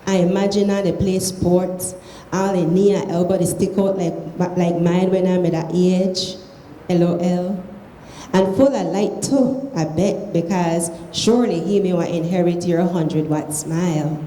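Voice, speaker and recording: A woman with a Belizean accent gives a literary reading of a short story in a soft, mellow voice on the low side. Her delivery is measured and expressive, set in an echoing room with faint background noise.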